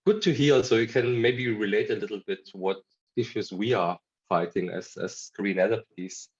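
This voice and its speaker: A man speaks as an interview guest over a video call. His voice sits low and the call audio is dull and muffled. He explains things earnestly and step by step. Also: moderate pace, a little mellow. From Germany. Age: late 30s. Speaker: guest, adoptee association board member.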